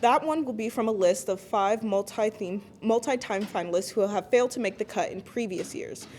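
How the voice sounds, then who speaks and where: Female news anchor, mid-pitched, steady and clear. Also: normal speed, slight background noise. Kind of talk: read news.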